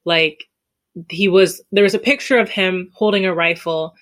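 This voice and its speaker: Bright-voiced woman, skeptical casual debater. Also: fairly low pitch, normal speed. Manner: informal, skeptical. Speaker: podcast debater.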